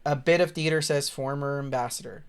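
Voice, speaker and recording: A man's voice: medium pitch, brisk, smooth. A man casually reading aloud and commenting on the news as a streamer, rambling, stumbling over words, blunt and exasperated, with swearing.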